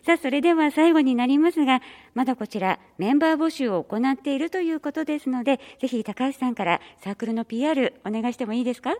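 High-voiced polite woman host. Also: animated, fast talker, hardly any pauses, darkish tone. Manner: formal, very polite phrasing. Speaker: radio host. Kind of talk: polite community radio interview.

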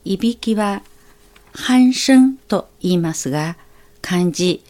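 Native Chinese speaker, woman, patient language teacher; lowish, lively voice, unhurried delivery. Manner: slow, careful, explains characters step by step. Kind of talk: radio language lesson.

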